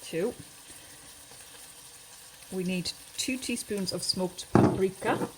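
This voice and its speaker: A woman's voice: medium pitch, slow. Woman chatting away while she makes food at home, homely and easygoing, kitchen noise in the background. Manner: chatty, homely, thinks aloud while cooking. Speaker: home cooking channel host. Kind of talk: casual cooking demonstration.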